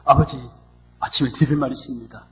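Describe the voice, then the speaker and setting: A man's voice: medium pitch, steady tone, fairly quick, big-room sound, pitched below the performer's own voice, natural voice, poor audio. A pastor acting out an overly polite grown child who speaks stiffly and formally while asking a father for money.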